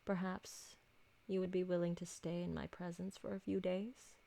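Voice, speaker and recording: A woman plays an elegant vampire lady in an ASMR roleplay drama, a possessive, doting mistress speaking with formal, deliberate diction. Her lowish, creaky voice is warm but flat in delivery, and she sounds tender and grateful.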